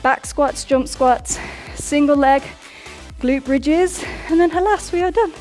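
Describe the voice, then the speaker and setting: A young woman instructs a workout over faint music, taking it slowly in a slightly high, darkish voice. As an upbeat fitness instructor she counts down each set and talks through reps, sometimes sounding breathless.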